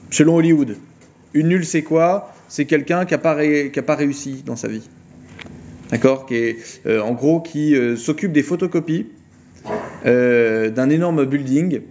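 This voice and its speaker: A man giving an informal philosophy lecture, retelling a film plot with mocking, animated storytelling. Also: fairly high pitch, muffled recording, slight background noise.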